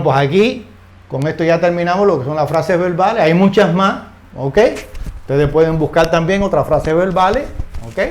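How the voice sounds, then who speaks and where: An older male teacher with a notably high voice explains grammar in an unhurried, conversational way. He keeps checking in with short tag questions and stumbles over repeated words as he looks for the right phrase. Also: a little mellow. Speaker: English teacher. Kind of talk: casual spoken grammar lesson.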